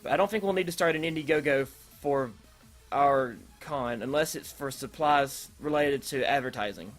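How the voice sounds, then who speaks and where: Speaking at a moderate pace in a mid-range voice, a man hosts an announcement video for an online creative group. He's casual and unscripted, prone to rambling, hesitating and rephrasing, with an electronic dance remix playing behind him.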